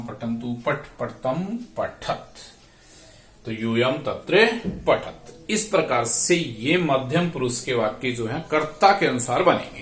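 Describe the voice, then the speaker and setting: Slow and classroom-like, a man walks through Sanskrit grammar, lingering on each word and voicing verb forms repeatedly. His pitch is mid-range and his tone fairly bright, captured distantly in a room full of echo.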